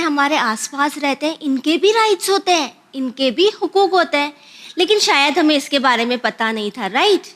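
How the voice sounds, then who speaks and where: A woman's voice: high voice, fairly bright tone. A woman telling a moral story to children, speaking to them directly and explaining words as she goes.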